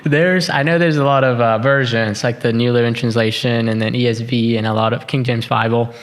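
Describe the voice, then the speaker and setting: A young man hosting a podcast, asking his guest questions in a halting way and repeating words as he thinks aloud. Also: mid-range voice, steady tone. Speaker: podcast host. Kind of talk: casual interview chat.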